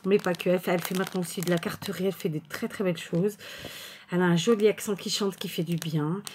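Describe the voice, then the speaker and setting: Speaking fast in a lowish, steady voice with slight noise behind her, the woman unpacks crafting mail on her YouTube channel. She shows her purchases in a chatty way, restarting often, filling pauses, and offering warm thanks.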